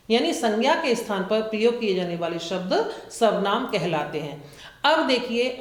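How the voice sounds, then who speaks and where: Lady teacher explaining grammar to little kids, slightly high voice, keeps repeating stuff. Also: reverberant. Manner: patient, repeats points and asks the class questions. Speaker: schoolteacher. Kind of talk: explaining grammar to young schoolchildren.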